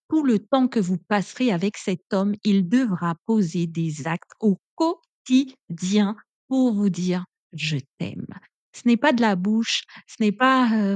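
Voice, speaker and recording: A woman's voice: medium pitch, darkish tone, no room sound. Emphatic woman coaching in a dry room. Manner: emphatic, chatty, full of asides like "hein". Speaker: relationship coach. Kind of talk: advice vlog monologue.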